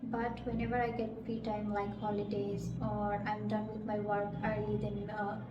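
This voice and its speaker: A woman's voice: medium pitch, monotone, moderate pace, highs cut off. A young woman from Bangladesh answering questions in a mock speaking exam, hesitant and searching for words with frequent fillers. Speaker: test candidate. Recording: echoey room, far from the mic, loud background noise.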